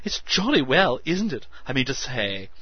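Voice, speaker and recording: A man voicing a skinny, eccentric male alchemist who talks in a shrill, piping, hysterical gush. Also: huge pitch swings, unhurried, slightly rough, no echo, lo-fi sound, heavily acted. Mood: hysterically excited. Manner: hysterical, breathless, gushing.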